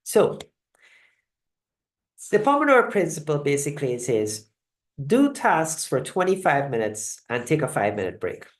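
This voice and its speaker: A woman leads a live online presentation over a video call mic. Her delivery is casual and conversational, with pauses and restarts and a frequent "right?" to her audience. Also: deep voice, big pitch swings. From Guyana. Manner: conversational, halting, often checks in with "right?". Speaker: host of a live online wellness session.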